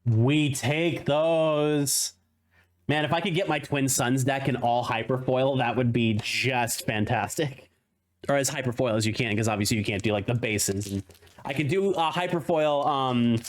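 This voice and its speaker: A man's voice: medium pitch, moderate pace. A man streaming a card pack opening, rattling off card names between chatty asides and the odd laugh. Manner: laughs at his own tongue-twisters. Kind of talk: casual unboxing commentary.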